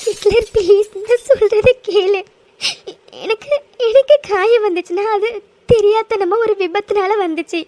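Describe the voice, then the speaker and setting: Woman doing a high, sobbing young cartoon heroine who stammers her pleas. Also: moderate pace, a little mellow. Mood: tearful, desperate. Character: young woman, tearful and pleading. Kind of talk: cartoon voice acting.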